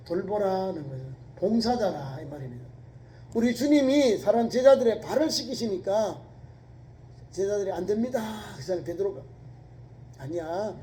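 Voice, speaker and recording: A man's voice: high-pitched, dark tone, rough recording. A middle-aged male pastor preaching a sermon in an earnest, exhorting way, often repeating key words for emphasis.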